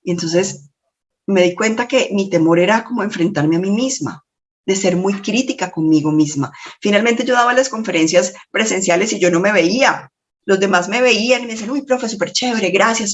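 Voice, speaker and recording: A woman lecturer and coach with a slightly shrill voice, telling stories expressively in a motivational lesson to camera. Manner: expressive, storytelling with lots of self-talk.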